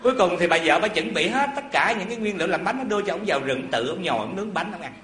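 A man giving a Buddhist dharma talk, telling a story in an animated, folksy way with asides to his listeners. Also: high voice, racing. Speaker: Buddhist preacher. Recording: echoey hall with faint ambience.

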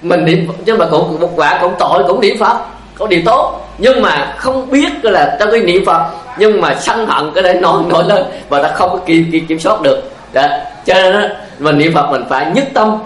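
A man's voice: on the high side, animated, fairly quick, reverberant, slight background noise, poor audio. A male Buddhist monk giving a dharma talk, asking rhetorical questions and telling stories. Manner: repetitive, asks rhetorical questions, tells stories. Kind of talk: sermon with anecdotes.

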